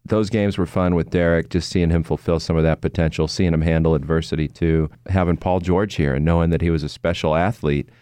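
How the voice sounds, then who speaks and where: A man's voice: low-pitched, fairly even intonation, brisk, few pauses, warm tone, smooth, no echo. A middle-aged man, a sports announcer telling stories in an earnest, reflective way during an interview. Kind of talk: conversational interview.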